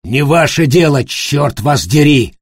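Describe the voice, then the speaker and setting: A man voicing a protective, hot-tempered husband who snaps gruffly. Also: fairly high pitch, animated, unhurried, no echo, studio quality, pitched above the performer's own voice, exaggerated voice. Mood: angry. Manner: gruff, snapping, hissing through teeth.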